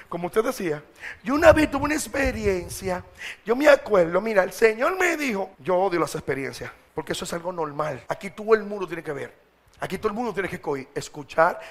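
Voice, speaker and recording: A man's voice: sits high, fairly bright tone. A man preaching a sermon, exhorting his congregation in a direct, colloquial way.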